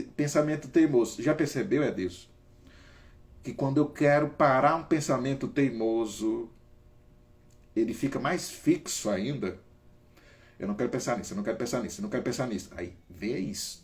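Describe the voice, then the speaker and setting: A man from Brazil hosting a casual talk, coaching listeners through breathing exercises and calling on them by name. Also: mid-range voice. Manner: animated, emphatic, varies pace and loudness. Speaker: host.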